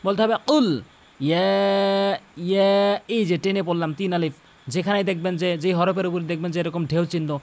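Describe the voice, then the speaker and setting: High-voiced man teaching Quran recitation. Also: steady tone, a little mellow. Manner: repeats words slowly and corrects common mistakes. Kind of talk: tajweed lesson with demonstrated recitation.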